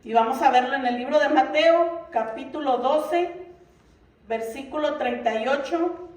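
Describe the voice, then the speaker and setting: A high-pitched woman teaches a Bible lesson in an earnest, questioning way. She is heard from a distance across a roomy church hall with a lot of echo. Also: measured pace, darkish tone. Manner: earnest, with many rhetorical questions to the congregation.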